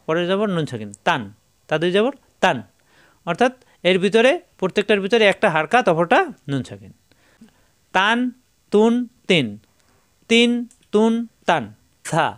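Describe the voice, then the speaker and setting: A male Quran teacher giving a patient step-by-step recitation lesson, slowly repeating each syllable for his learners. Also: high-pitched, expressive, a bit bright, clear, resonant tone, dry recording, clean studio sound.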